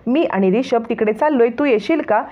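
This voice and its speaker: A sweet-talking young woman, put on by a woman narrator coaxes in a soft, high voice. The sound is thin and phone-like. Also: normal speed, natural voice. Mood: coaxing. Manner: coaxing, soft-spoken.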